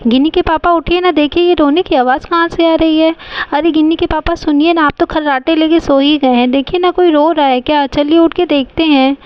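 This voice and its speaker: A woman's voice: high-pitched, steady tone, brisk, dull audio, close to an everyday voice. A woman voicing a caring doll mother who fusses and coaxes her crying daughter. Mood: coaxing. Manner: coaxing, fussing.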